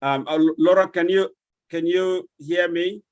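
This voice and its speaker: A man with a Nigerian accent moderating an online webinar over a video call, courteous and halting as he checks who has joined. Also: sits high, steady tone, darkish tone, dry recording, dull audio.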